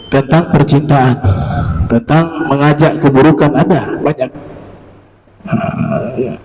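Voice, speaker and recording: A man giving an Islamic religious lecture, telling anecdotes with lively quoted voices. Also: fairly high pitch, slight background noise. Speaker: preacher. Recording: long hall reverb.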